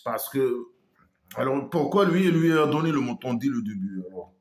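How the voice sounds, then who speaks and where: A man's voice: mid-range voice, expressive, moderate pace, reverberant. A man giving a casual critical monologue, scornful and mocking, hesitating with many trailing asides. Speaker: online commentator.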